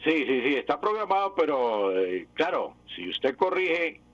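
Husky-voiced man explaining grammar on radio. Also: a little high, big pitch swings, unhurried, fairly bright tone, no room sound. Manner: patient, methodical, repeats examples. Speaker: language expert on radio. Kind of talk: radio Q&A explaining spelling rules. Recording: dull lo-fi radio broadcast.

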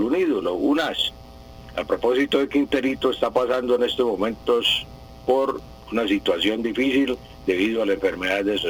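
A man's voice: medium pitch, slight background noise, low-quality recording. A man answering listener language questions on radio, patient and teacherly, repeating his points. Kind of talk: radio language advice segment.

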